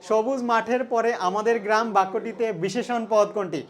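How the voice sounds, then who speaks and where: A man's voice: high voice, normal speed, slight background noise. A young man from Bangladesh teaching an exam solution lesson, conversational and asking his students questions. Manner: conversational, mixes English terms, asks students questions.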